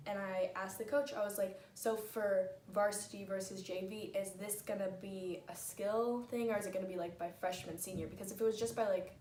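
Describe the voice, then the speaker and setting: A woman's voice: medium pitch, darkish tone, recorded from a distance. A young woman in a casual chat, telling a story together with a friend and chiming in emphatically. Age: young adult. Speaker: co-host. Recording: roomy, a little off-mic, faint noise.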